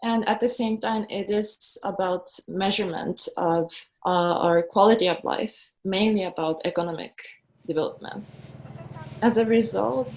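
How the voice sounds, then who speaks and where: A woman with a gravelly voice, giving an academic explanation of development in a documentary interview. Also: medium pitch, darkish tone, rough recording. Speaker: development expert.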